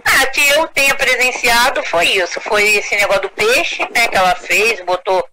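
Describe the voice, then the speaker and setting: A woman being interviewed, recalling things casually and haltingly as she searches for words. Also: a little high, background noise. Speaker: interviewee, witness.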